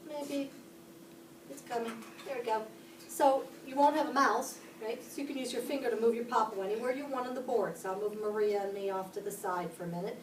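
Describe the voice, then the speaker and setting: Fairly quick and fairly even in intonation, a woman from Pittsburgh with a fairly high voice explains each step to a class and asks the children questions. A camera across the room captures the echoey classroom from afar, with slight background noise.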